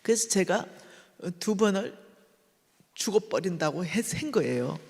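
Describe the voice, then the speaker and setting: A woman's voice: mid-range voice, sing-song, measured pace, vocal fry, a little mellow, slightly rough, long reverb tail. A middle-aged woman giving a testimony sermon at a church revival meeting, telling her story animatedly and acting out the voices of others. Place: church sanctuary.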